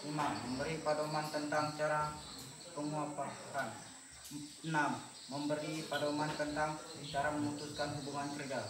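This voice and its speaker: A man's voice: fairly high pitch, completely flat delivery, normal speed. A young male student reading his group's numbered list aloud in class. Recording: echoey classroom, distant, noisy.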